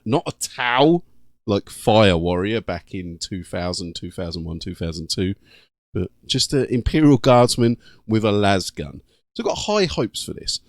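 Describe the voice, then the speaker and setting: A man's voice: on the low side, no echo, clean studio sound. A British man hosting a gaming channel, giving casual, slangy reaction commentary in an informal way. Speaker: YouTube gaming channel host.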